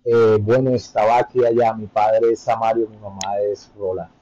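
A Colombian man in his thirties, a podcast guest telling his story in a relaxed way with many hesitant fillers. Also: lowish voice, moderate pace, dull audio. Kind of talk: conversational interview storytelling.

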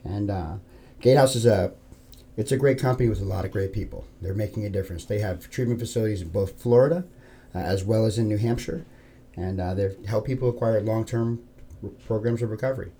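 A New York podcast host talks informally to his listeners in a warm, lowish voice, speaking a little fast. He comes across as earnest, personal and plain-spoken.

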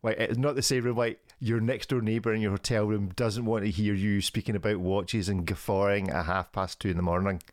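A man's voice: fairly low pitch, fairly even intonation, fairly quick, few pauses, no room sound, studio quality. A man hosting a casual podcast chat, teasing his guests and laughing often. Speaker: podcast host.

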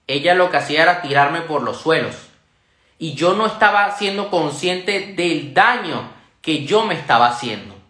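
A man's voice: fairly high pitch, bright, forceful tone, roomy sound. A young man telling a personal story in an earnest, confessional way as a YouTuber giving breakup advice.

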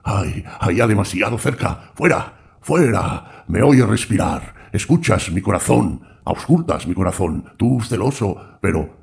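A man's voice: on the low side, expressive, a little slow, gravelly, darkish tone. A man voicing a trembling old man who cries out in anguish to an unknown god. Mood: anguished pleading. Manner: anguished pleading, rising cries.

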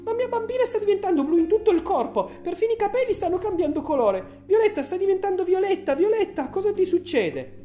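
A woman's voice: very animated, brisk, dark tone, soft background music. A woman voicing a frantic, shrieking middle-aged mother in a storybook reading. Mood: panicked. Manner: screeching, panicked, very high.

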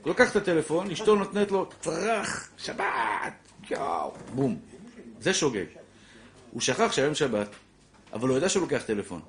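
A man teaching a lively religious law lesson to a class, repeating his points and acting out little scenes. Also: a little high, long pauses, a little hiss or hum. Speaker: Torah teacher.

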